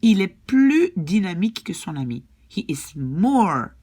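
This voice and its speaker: A woman's voice: mid-range voice, very animated, measured pace, dark tone. A woman language teacher patiently explaining grammar rules and often checking that her students follow.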